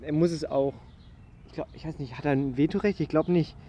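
A student in a casual study discussion talks about a historical document, hesitating with many fillers and restarts. His voice is a little high and a little fast, and the sound is lo-fi.

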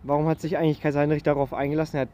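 A man's voice: on the high side, flat delivery, rapid-fire, mellow, slight background noise. A man in a casual study discussion, talking hesitantly with many fillers and restarts. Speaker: student discussing a historical document.

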